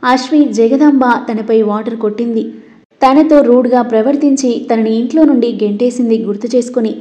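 Woman narrating a story, mellow. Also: on the high side, brisk. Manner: steady storytelling reading. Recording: dull lo-fi recording.

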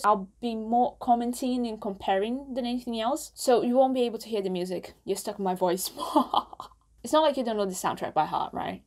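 A woman's voice: on the high side, darkish tone. Playful young woman vlogging reactions. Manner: playful, self-mocking, quick asides and laughs. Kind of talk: casual reaction commentary.

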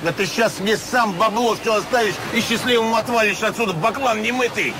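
A man's voice: high-pitched, fairly quick. A man in his fifties playing a brash, bullying fixer in a film, talking aggressive Russian prison slang. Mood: menacing, indignant. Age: 50s. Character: brash, balding middle-aged shady fixer, bullying. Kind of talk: film acting, streetwise confrontation. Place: outdoors by the sea. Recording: noisy outdoor seafront film sound.

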